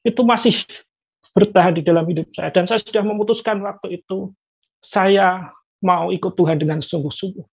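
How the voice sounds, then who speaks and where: A man's voice: sits high, fairly even intonation, normal speed, vocal fry, slightly rough. A man giving a personal faith testimony to a congregation, speaking earnestly and often addressing the listeners directly as brothers and sisters. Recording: dull lo-fi recording.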